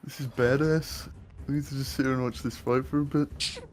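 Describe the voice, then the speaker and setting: Excitable man player muttering over dice. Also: medium pitch, normal speed, music in the background. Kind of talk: casual tabletop game play.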